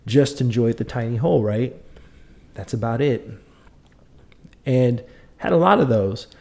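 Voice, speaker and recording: Middle-aged man, podcast host, mellow dark tone, emphatic lecturing monologue. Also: mid-range voice, lively intonation, a little slow, gravelly. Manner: emphatic, lecturing, repeats points. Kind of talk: opinionated monologue.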